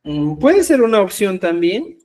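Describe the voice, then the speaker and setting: A man's voice: high-pitched, very animated, unhurried, a little mellow, recorded from a distance. A man teaching a language class, explaining step by step and checking often that students follow.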